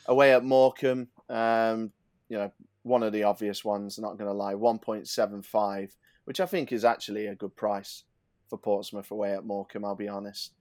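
A man from England talks football betting on a podcast, stacking statistics with emphatic repetition. He drops into quieter, offhand asides between points. The sound is close and dry, with no room. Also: on the low side, level tone, normal speed, no echo. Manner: emphatic, builds lists of stats, then drops to asides. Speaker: podcast co-host, betting tipster. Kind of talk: casual football betting chat.

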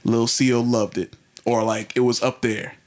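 A man's voice: mid-range voice, normal speed. Playful man hosting a podcast. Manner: playful, teasing, animated banter. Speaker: podcast host. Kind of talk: casual podcast chat.

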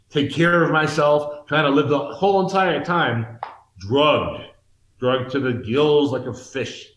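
A man in his forties from Massachusetts speaks at medium pitch with a fairly bright tone. Recorded in an echoey room in Mexico, he's an interview guest telling his life story candidly, earnestly searching and frequently restarting his sentences.

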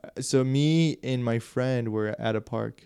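A man's voice: mid-range voice, vocal fry, dark tone, smooth, dry recording, clean studio sound. A young man co-hosting a podcast, talking in a laid-back, slangy way. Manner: laid-back, slangy, quick agreeing replies. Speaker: podcast co-host. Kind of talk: casual chat.

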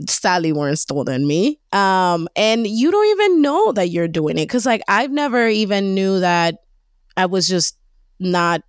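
Animated woman podcast host, dry sound. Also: clear, resonant tone, no echo. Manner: acts out quoted dialogue in a higher voice; laughs often between phrases. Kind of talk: casual chat.

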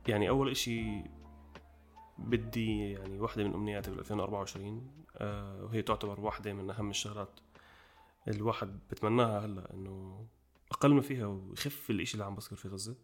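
Fast-talking Jordanian man hosting a podcast. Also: fairly low pitch, fairly even intonation, creaky, faint music behind. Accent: Jordanian Arabic. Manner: quick, emphatic, gets loud when making a point. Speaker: podcast host. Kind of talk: casual chat.

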